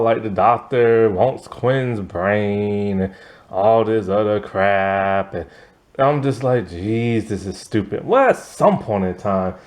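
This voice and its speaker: A young man casually recapping a TV episode in a loose, slangy, exasperated way, full of fillers and restarts. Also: lowish voice. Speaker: TV episode reviewer.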